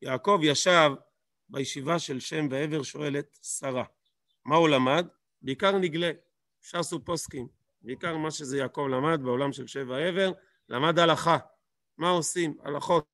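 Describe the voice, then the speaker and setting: A man's voice: fairly high pitch, fairly bright tone, dry recording, studio quality. A man teaching a Torah lesson, emphatic, asking rhetorical questions and repeating words for stress.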